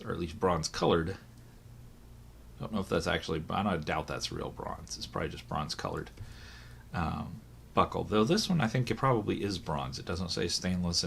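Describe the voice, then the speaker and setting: A watch reviewer whose voice is still hoarse from being sick chats casually while unboxing a product, thinking out loud with fillers and self-corrections. His voice is low, and there's slight background noise.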